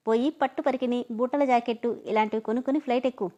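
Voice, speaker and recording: A woman's voice: a little high, steady tone, fast, mellow, dull audio, natural voice. A woman reading a story aloud, voicing a bossy young man who mocks and teases. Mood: mocking. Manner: mocking and domineering.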